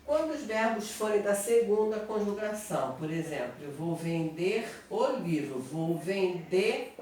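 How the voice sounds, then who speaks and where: A woman's voice: medium pitch, lively intonation, moderate pace, darkish tone. A Brazilian Portuguese woman teaching grammar in an online lesson, explaining patiently, repeating examples and checking in with "tá?". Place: small room at home with a whiteboard. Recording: echoey room, mic at a distance, faint noise.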